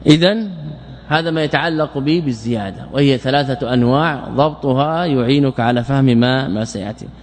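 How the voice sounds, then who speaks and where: A man's voice: mid-range voice, a little fast, darkish tone, a little hiss or hum. A man teaching Arabic morphology as a sheikh, repeating words and asking and answering his own questions. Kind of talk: classroom lecture explaining grammar. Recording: long reverberant hall.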